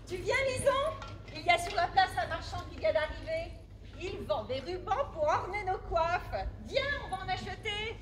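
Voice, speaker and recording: Woman acting a shrill-pitched, scheming medieval village gossip. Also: expressive. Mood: coaxing. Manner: theatrical, exclamatory, drawn-out emphasis. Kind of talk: open-air farce acting. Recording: live festival recording, clear background noise.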